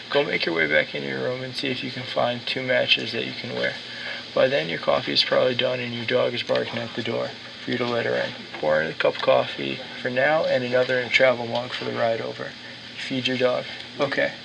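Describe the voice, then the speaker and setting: Young male narrator, spoken-word piece, flat steady delivery. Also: mid-range voice, creaky, background noise.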